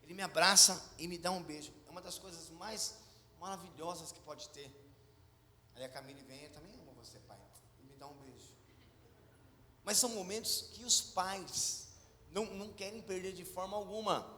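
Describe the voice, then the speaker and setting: A middle-aged man with a Brazilian Portuguese accent preaches in a high, ringing voice. He tells his story dramatically, dropping to near whispers and then calling out, and has the congregation answer back. A long church hall reverb trails each phrase. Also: moderate pace, a little hiss or hum. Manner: animated storytelling, swings from hushed to shouted; leads congregation call-and-response. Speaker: pastor. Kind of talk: sermon.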